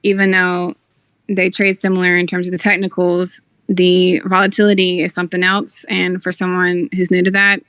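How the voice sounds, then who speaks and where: A woman offers measured, reassuring advice, her voice sitting a bit low for a woman. The recording is dry and close, with no room around it. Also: completely flat delivery, fairly bright tone, smooth, no room sound. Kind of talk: casual advice chat.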